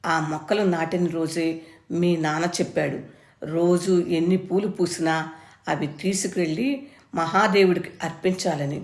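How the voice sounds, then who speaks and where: Fierce elderly grandmother, voiced by a woman storyteller, firm and impassioned, low voice in a roomy space. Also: steady tone, unhurried. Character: stern, fierce old grandmother defending her garden. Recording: roomy echo.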